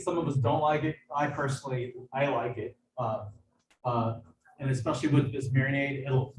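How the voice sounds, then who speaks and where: Halting chef on an echoey video call. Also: male voice, medium pitch. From United States. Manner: hesitant, halting, full of fillers and restarts. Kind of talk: casual cooking demonstration. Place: kitchen. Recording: echoey room, far from mic, background noise.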